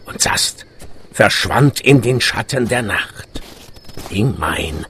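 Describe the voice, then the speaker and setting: Male narrator, scripted fiction, lowish voice, very unhurried, slight background ambience. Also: lively intonation, a bit bright, slight background noise.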